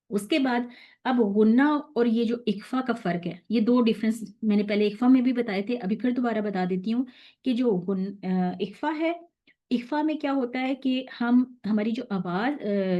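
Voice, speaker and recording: A woman teaching Quran recitation rules in a patient, explaining manner, slowly stretching out the recited verses and often checking that listeners follow. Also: on the high side, warm tone. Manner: checks in with "theek hai?". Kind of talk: online tajweed lesson.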